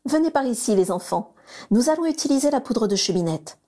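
A woman voicing a cheerful, affectionate mother who gently coaxes her children in a storybook reading. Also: on the high side, animated, brisk, pitched above the performer's own voice. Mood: cheerful coaxing.

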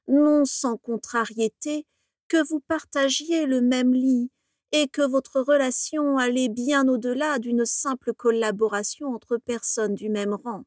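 Voldemort, a woman voicing a cold scornful dark lord. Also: high voice, dry recording, clean studio sound, voice pushed up. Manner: slow, cutting, disdainful.

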